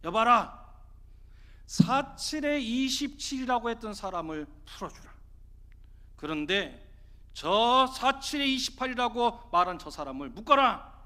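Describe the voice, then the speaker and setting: A man's voice: very high-pitched, very animated, measured pace, full character voice. A man voicing a commanding old-time village magistrate who barks out a verdict. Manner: loud, issuing orders.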